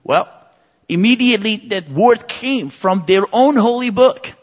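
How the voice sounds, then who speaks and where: An Iranian man whose native language is Persian preaches an impassioned sermon full of vivid stories. He speaks unhurriedly in a high-pitched voice, and the recording is muffled with long reverb.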